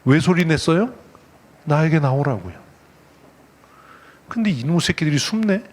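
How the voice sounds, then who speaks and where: Male pastor, playful and teasing sermon, somewhat high voice, swoops up and down. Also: animated, normal speed, a little mellow. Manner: playful, teasing, acts out God's voice and the congregation. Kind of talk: lively conversational sermon. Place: church sanctuary.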